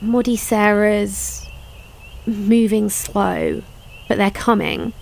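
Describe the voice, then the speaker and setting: A woman playing a gravelly, reassuring dog handler. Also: medium pitch, level tone, slow, slight background noise. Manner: reassuring, gentle. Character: calm woman with dogs, peacemaker. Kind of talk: audio drama acting.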